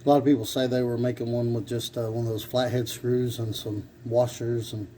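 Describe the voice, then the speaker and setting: An amateur car repair vlogger narrates his hands-on work casually, plain-spoken and thinking aloud. His medium-pitched voice is mellow, flat in delivery and fairly quick, heard over clear background noise and vehicle sounds.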